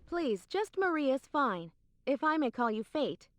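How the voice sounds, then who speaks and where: In a video game cutscene, an actress voices a composed, secretive young woman, speaking a little slowly in a high-pitched voice with big pitch swings. Her delivery is cool, calm, serious and matter-of-fact, in a roomy recording with faint game music behind.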